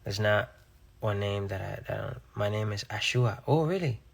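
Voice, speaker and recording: Gravelly-voiced young singer from Rhode Island. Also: male voice, fairly low pitch, moderate pace. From Rhode Island, USA. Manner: relaxed, reads viewer questions aloud and answers offhandedly. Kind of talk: casual live-stream chat answering viewer comments.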